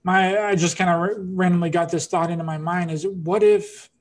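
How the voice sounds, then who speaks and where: A man hosting a podcast interview tells a rambling story, full of fillers and restarts, in a casual back-and-forth. His voice is high, his delivery flat, and his speed normal.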